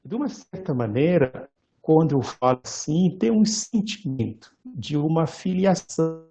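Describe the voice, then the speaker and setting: A male priest giving a lecture-style sermon, slow and measured, pausing often and correcting himself mid-word. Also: a little high, warm tone, highs cut off.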